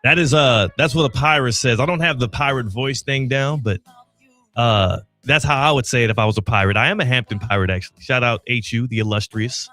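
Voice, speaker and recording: A man hosting a sports radio show, talking in a loud, energetic and playful way. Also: mid-range voice, brisk, faint music behind. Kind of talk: casual radio talk. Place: radio studio.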